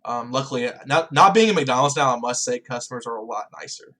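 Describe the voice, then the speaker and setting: A man's voice: mid-range voice, animated, fast, a bit bright. A young man co-hosting a podcast, rambling through casual chat and filling it with "like". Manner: rambling, heavy use of "like". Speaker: podcast co-host.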